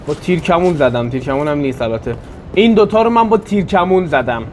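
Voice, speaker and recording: A man playing a video game and commenting, excitable and taunting the enemies, with sudden loud swings into yelling. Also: fairly high pitch, slight background noise. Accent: Persian. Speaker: gaming YouTuber. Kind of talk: let's play commentary.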